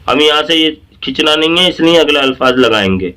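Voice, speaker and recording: A man teaching Quran reading with a Pakistani Urdu accent, explaining briskly and then reciting each word slowly and drawn out. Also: a little high, animated, bright, forceful tone, clear, resonant tone. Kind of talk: recitation lesson.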